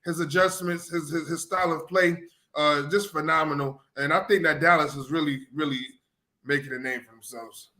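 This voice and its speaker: Man, sports co-host, very bright sharp tone, high voice, emphatic, repeats himself. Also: fairly even intonation, moderate pace. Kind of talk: casual sports talk.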